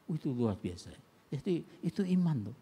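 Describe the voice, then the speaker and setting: A man preaching a sermon as pastor, animated and acting out voices, with sharp swings in loudness. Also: fairly high pitch, moderate pace, slightly rough. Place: church sanctuary. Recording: long church hall reverb.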